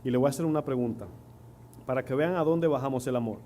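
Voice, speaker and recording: A middle-aged pastor from the Dominican Republic preaches a sermon in a church, speaking Dominican Spanish in a fast, mellow, medium-pitched voice. He tells stories and throws rhetorical questions at the congregation, and the recording has a faint hum and noise.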